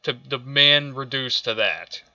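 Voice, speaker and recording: A man's voice: mid-range voice, measured pace, sharp tone, no echo, lo-fi sound. A man ranting through a show review, exasperated and profane, stumbling over restarts as he vents. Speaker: video reviewer.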